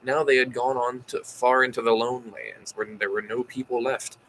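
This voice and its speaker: A tired man reading a novel aloud at a mid pitch, in a casual amateur audiobook style. He sighs often, trips over words and goes back to fix them. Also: steady tone, normal speed, fairly bright tone, slight background noise, poor audio. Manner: sighing, stumbling over words and correcting himself.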